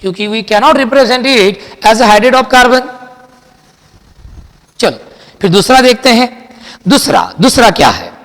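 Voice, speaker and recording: High-voiced male teacher, slow dictation. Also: very animated, a bit bright, in a large hall. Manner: switches between Hindi and English, repeats key lines slowly for dictation; addresses students as children, asks and answers his own questions. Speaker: chemistry teacher. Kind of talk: classroom lecture.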